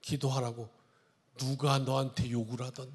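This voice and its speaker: A man's voice: mid-range voice, level tone, normal speed, slightly rough. A man preaching a sermon as a pastor, reading scripture aloud and then explaining and exhorting the congregation. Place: church sanctuary. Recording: long hall reverb.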